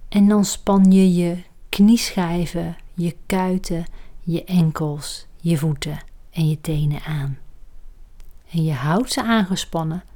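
Female relaxation guide. Very unhurried, mellow, soft-spoken, often sinking into a breathy near-whisper. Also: lowish voice.

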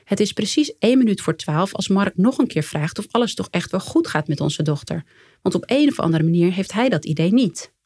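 A woman reading her own memoir aloud in a calm, measured way, quietly voicing the lines of the people in it. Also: mid-range voice, husky, no room sound, clean studio sound. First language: Dutch. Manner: calm, measured storytelling with quiet quoted dialogue. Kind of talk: first-person memoir reading.

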